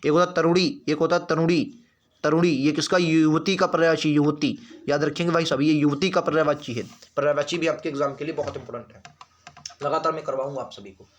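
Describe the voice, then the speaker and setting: A man teaching an exam spelling lesson, who goes through each question, repeats words slowly and keeps checking with the class. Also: a little high, steady tone. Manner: repeats words slowly and drills answers with "ठीक है"; addresses students as friends, occasionally apologizes.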